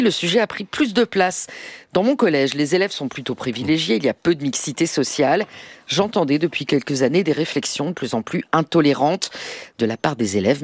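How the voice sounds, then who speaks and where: A woman journalist reading a scripted press review on morning radio, quoting testimonies in a measured, clear delivery. She is recorded in a radio studio. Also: sits low, no echo.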